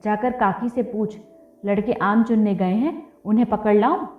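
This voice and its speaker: A woman's voice: medium pitch, normal speed, natural voice. A woman voicing a stubborn, weary young village husband who speaks sulkily and bitterly. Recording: tinny phone-like audio, roomy, faint music.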